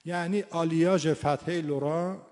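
Persian man lecturing, fairly high voice, long echoing reverb, drawn-out sample vowels. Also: steady tone, darkish tone. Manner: demonstrates vowel sounds aloud, slow and drawn out. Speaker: teacher of Quran recitation and phonetics. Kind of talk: informal spoken lecture.

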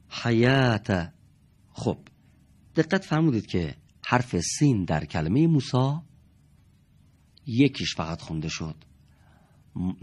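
Reading teacher, male, low husky voice, lively pitch, slow deliberate demonstrations. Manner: slow, stretched-out demonstration of words. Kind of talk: classroom lesson.

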